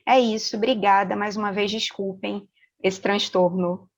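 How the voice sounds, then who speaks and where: A woman with a Brazilian Portuguese accent giving an academic conference talk over a video call, explaining in a measured way with many tag fillers. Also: medium pitch, fairly even intonation. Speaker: conference presenter, researcher. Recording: dull lo-fi video call audio.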